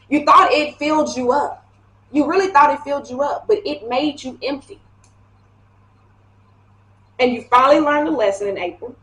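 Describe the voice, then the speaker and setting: A woman giving a casual tarot reading to camera, chatty and animated, laughing often as she talks. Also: high voice. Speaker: tarot reader. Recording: echoey room.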